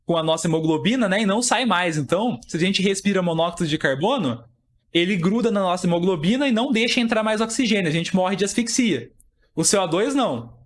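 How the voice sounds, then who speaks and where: High-voiced male chemistry teacher. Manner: explanatory, asks and answers his own questions. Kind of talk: exam-prep chemistry lesson.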